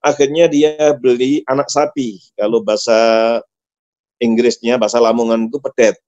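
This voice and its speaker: A man's voice: mid-range voice, steady tone, normal speed, a little mellow. A male preacher telling a religious story as a dramatic, emotional sermon. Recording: dull lo-fi sound.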